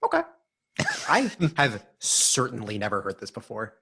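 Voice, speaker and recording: A young man co-hosting a podcast, cutting in with quick questions and jokes in casual chat. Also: lowish voice, wildly swooping pitch, gravelly, bright, forceful tone, breathy edge. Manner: wisecracking, quick interjections, laughs often. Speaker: podcast co-host.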